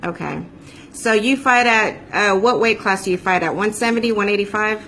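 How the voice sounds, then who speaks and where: Bright-voiced woman hosting a live interview. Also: mid-range voice, normal speed, slight background noise. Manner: chatty, upbeat, with filler ums. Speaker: host. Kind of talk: casual interview on a live stream.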